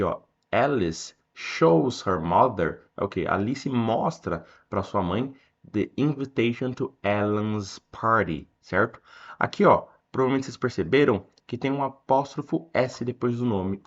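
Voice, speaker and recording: A man with a Brazilian accent teaching English, explaining a text line by line and reading the English sentences slowly. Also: mid-range voice, expressive, lo-fi sound. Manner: slows down to read English sentences aloud.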